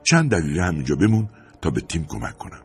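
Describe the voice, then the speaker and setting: A man voicing a calm adult man who gently reassures frightened children in an audiobook. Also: low voice, gravelly, faint music behind, exaggerated voice. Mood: reassuring. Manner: gentle, soothing. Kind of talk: audiobook character voice.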